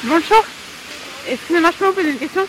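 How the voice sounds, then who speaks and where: A woman's voice: very high voice, expressive, fast talker. A woman reporter talking with people on location as she records a travel report. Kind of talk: on-location interviewing. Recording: noisy outdoor and station location recording.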